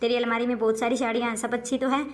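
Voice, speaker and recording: A woman's voice: a little high, level tone, natural voice. A woman playing a nagging mother-in-law. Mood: demanding. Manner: nagging, quick-talking, coaxing. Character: fussy scolding older mother-in-law, favors daughter. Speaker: mother-in-law in a family skit. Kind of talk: home-made comic family skit.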